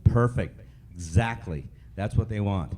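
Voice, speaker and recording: A man's voice: lowish voice, measured pace, warm tone. A man presenting a live customer service training to a group, repeating his points and asking the audience questions. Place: meeting room with a live audience.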